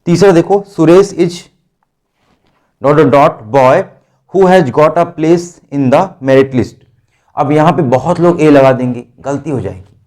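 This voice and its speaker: Male tutor, mid-pitched and mellow, drills exam grammar with rhetorical questions and spelled-out words. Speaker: teacher. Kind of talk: exam-prep grammar lesson.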